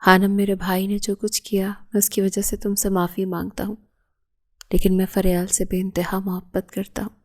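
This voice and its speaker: A woman's voice: medium pitch, completely flat delivery, close to an everyday voice. Woman reading as an intense loving husband. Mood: insistent.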